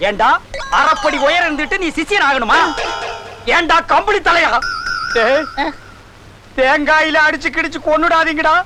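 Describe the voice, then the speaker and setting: A man's voice: very high-pitched, moderate pace, pauses often, over music. A man in a film comedy scene, ranting and scolding his followers. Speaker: sorcerer character in film.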